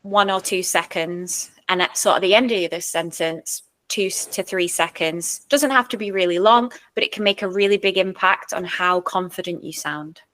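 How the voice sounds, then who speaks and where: A woman's voice: fairly low pitch, normal speed, hardly any pauses, a bit bright. Woman coach explaining in ordered points. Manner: clear, structured explanations with numbered points; sometimes demonstrates techniques in her own voice. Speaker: speaking coach and speech therapist. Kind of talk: expert answering interview questions.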